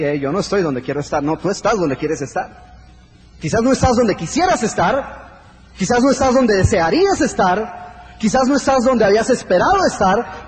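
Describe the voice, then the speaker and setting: A man's voice: sits high, darkish tone. A man giving a live motivational talk to an audience in a large event hall, emphatic and repetitive, speaking straight to the crowd.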